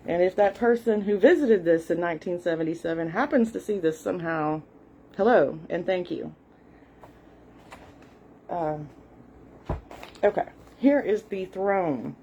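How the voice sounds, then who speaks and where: A Southern woman, at least in her late forties, talks at home with a cat nearby, holding up a book page and guiding viewers through its pictures. She's a history hobbyist host whose casual, rambling explanation is full of fillers and apologies. Her mid-range voice is warm, and the rough recording carries slight background noise.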